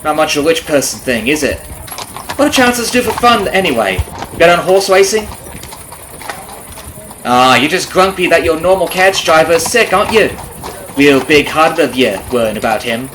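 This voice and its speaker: This time the ASMR carriage driver speaks on the high side, very animated at a moderate pace and pausing often, in a chatty, teasing mood. Falsely friendly and nosy, he rambles folksily to the listener with sly undertones and hesitant, mock-innocent asides. The recording is noisy with clip-clopping horse and carriage ambience.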